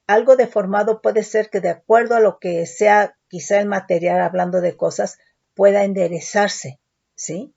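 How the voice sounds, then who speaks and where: Leading a Bible study, a woman breaks down the meanings of words one step at a time, frequently checking in with "¿sí?" and "¿verdad?". She has a mid-range, creaky voice with a darkish tone, and the lo-fi recording sounds dull.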